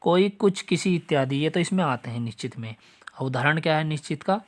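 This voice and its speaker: Man teaching Hindi grammar, fairly high voice. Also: animated, fairly quick. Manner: explains step by step, repeats example sentences; talks straight to students, asks if they follow. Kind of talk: exam-prep grammar lesson.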